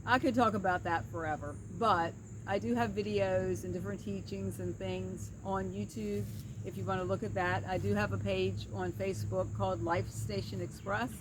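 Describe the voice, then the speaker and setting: A woman's voice: medium pitch, steady tone, moderate pace. A middle-aged woman giving a casual, earnest personal vlog, her speech slightly slurred as if one side of her mouth were numb. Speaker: vlogger and pastoral counselor. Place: outdoors by a creek. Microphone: camera at a short distance. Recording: outdoor creekside with clear insect and ambient noise. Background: insects and woodland ambience.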